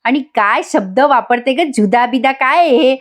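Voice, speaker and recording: A woman's voice: high-pitched, normal speed, close to an everyday voice. A woman voicing a stern, boastful middle-aged father in a soap recap. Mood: defiant.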